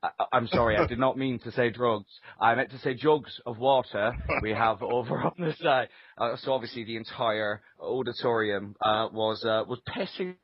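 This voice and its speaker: A man's voice: medium pitch, moderate pace, hardly any pauses, dry recording. A man co-hosting a casual podcast, chatting in a rambling, dryly humorous way. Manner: rambling, sweary, dry humour. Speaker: podcast co-host. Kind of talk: casual comic anecdote chat. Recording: dull, lo-fi voice-call audio.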